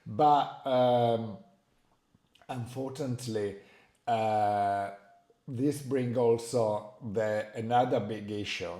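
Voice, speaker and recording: A man with a clear Italian accent answers interview questions in a soft, dark tone. He explains things slowly and haltingly, with many searching pauses. The room adds a noticeable echo. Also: lowish voice. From Italy. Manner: halting, searching for words, frequent hesitations. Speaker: interview guest, architect. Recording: roomy, echoing sound.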